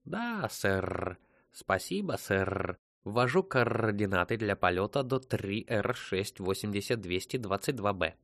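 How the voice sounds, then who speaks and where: A calm, courteous male ship computer, as a male reader puts it on, each word slow and measured, set a little higher than a plain speaking voice. The sound is dry and close, with no room around it. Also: vocal fry, no room sound, exaggerated voice. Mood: dutiful.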